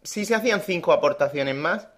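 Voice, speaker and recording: A man with an accent from Spain co-hosting a gaming podcast, telling stories in an animated, blunt and frank way. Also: a little high, brisk. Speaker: podcast co-host. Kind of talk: casual podcast chat.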